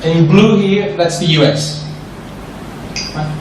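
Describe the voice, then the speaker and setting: Slow-paced and on the high side, a man from France presents an investment seminar in an echoey hall with an audience. He's animated, asks questions and often says "right?", captured from a distance with slight background noise.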